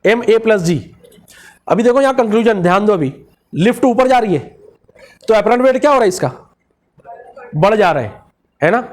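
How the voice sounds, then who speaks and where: Here the physics teacher's voice is raised and high yet a little mellow as he lectures his class in Hindi with a Marathi-influenced accent. He works English technical terms into his sentences and repeatedly quizzes the students before supplying the answers himself.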